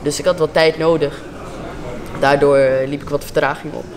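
A young man tells a personal story in a casual way. His voice sits fairly high, with background chatter in a large hall. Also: little pitch movement, moderate pace. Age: young adult. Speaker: interviewee. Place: large carpeted prayer hall indoors.

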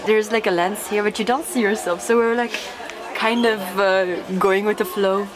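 A woman's voice: medium pitch, steady tone, normal speed, a crowd in the background, low-quality recording. A young woman in casual vlog chat, walking outdoors in a city and talking to a handheld camera, upbeat and chatty with French words mixed in. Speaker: vlogger. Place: walking outdoors on city streets and in a small café. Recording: loud street ambience.

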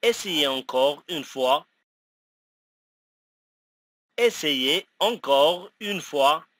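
A man teaching, saying each short phrase twice slowly and clearly for learners to repeat. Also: fairly high pitch, animated, pushed and bright, no room sound, clean studio sound. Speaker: language teacher. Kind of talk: slow phrase-by-phrase pronunciation drill.

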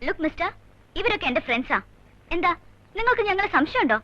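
An actress playing a young, indignant drama student who is a judge's daughter. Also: female voice, extremely high pitch, big pitch swings, fast, sharp tone, exaggerated voice. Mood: defiant. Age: young adult. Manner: indignant, defiant. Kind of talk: 1990s film dialogue. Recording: dull lo-fi film soundtrack with faint score.

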